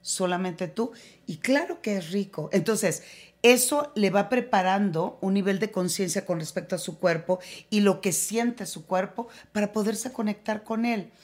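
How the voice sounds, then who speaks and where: A woman's voice: mid-range voice, normal speed. A woman with a Mexican accent, a guest sex educator speaking frankly and with animation in casual podcast chat. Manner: frank, animated, laughs often.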